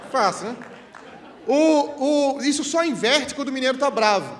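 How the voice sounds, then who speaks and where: Comic man, very high and forceful voice, playful act-outs, hall reverb with a faint crowd. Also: animated, normal speed. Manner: jokey, playful, acts out quoted lines. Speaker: comedian explaining regional slang. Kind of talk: comic stand-up explainer. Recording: live hall with audience and background noise.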